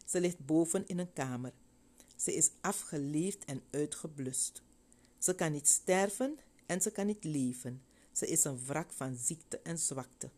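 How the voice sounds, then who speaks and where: A woman's voice: deep voice, measured pace, mellow. A woman voicing a weary, devout mother who speaks in an earnest, heartfelt way.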